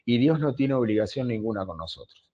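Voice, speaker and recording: A male pastor tells stories in a conversational sermon, often tagging his phrases with a questioning aside. His voice sits at an ordinary male pitch. The recording is dull and lo-fi. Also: animated, a little fast, dark tone. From Uruguay. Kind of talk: storytelling sermon.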